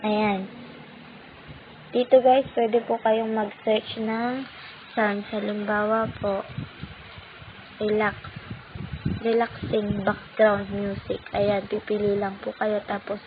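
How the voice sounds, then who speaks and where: Her mid-range voice stays flat as she moves slowly and pauses often, walking viewers through a phone app tutorial step by step. The host of this tutorial channel has a Filipino accent and a polite, patient manner full of "po" courtesy markers. The recording is tinny and phone-like, with a little noise.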